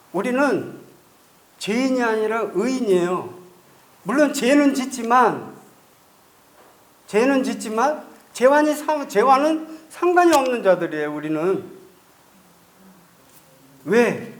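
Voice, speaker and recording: Pastor guy preaching in church, kinda high voice, keeps asking the crowd questions. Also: expressive, a little slow, long pauses. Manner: asks the congregation rhetorical questions. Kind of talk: sermon. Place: church sanctuary.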